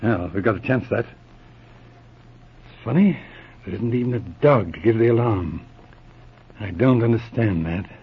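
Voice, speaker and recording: An actor playing a cool, shrewd police inspector with clipped commands in a 1940s radio adventure serial. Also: male voice, fairly low pitch, unhurried, long pauses, slightly rough, exaggerated voice. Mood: cautious, businesslike. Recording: muffled old radio recording.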